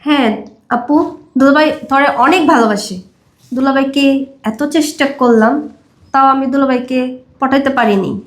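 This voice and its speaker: A teasing young sister-in-law, played by a woman coaxes in a playful way. Her voice sits high. It has the feel of a home-made short film. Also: normal speed, pauses often, natural voice. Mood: cheerful. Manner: coaxing, playful.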